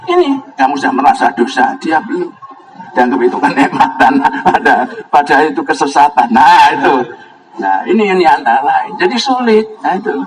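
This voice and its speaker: At a gathering in an Islamic boarding school, a kyai with a Javanese accent delivers a pesantren sermon, rambling, chuckling and breaking into Arabic recitation. His voice is on the high side and very animated at normal speed, and the recording is rough.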